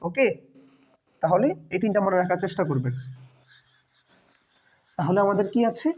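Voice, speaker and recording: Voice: mid-range voice, lively intonation, normal speed. A teacher, patiently walking learners through letters step by step, repeating them and quizzing with short questions. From Bangladesh. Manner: patient, drills by repetition and quiz questions. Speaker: Quran teacher. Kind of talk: step-by-step lesson. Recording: dull lo-fi recording.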